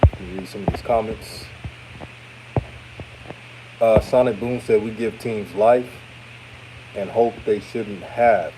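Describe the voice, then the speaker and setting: Speaking slowly with long pauses in a fairly low, steady voice, a thirty-year-old Houston, Texas sports host chats conversationally on a postgame livestream. He reads and answers comments, calls viewers family, and has an older-sounding radio voice, with background noise present.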